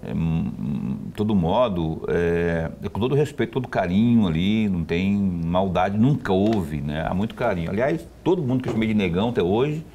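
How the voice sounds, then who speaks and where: A Brazilian man hosting a TV talk show, chatting in a relaxed, folksy way with lots of asides. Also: deep voice, moderate pace, few pauses, a little hiss or hum.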